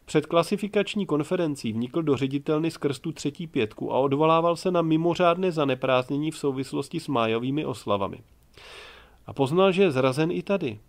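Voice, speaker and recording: Calm male audiobook narrator. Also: a little high. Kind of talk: scripted narration.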